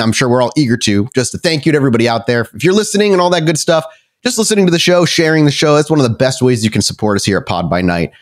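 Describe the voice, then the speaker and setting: A medium-pitched man narrates a tabletop roleplay podcast as game master, setting scenes in a dramatic, cinematic way.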